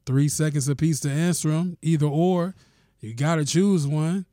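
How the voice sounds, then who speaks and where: A man's voice: fairly high pitch, normal speed, mellow, dry recording, studio quality. A man hosting a podcast with his wife, talking casually in a laid-back, slangy, profane way. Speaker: podcast host.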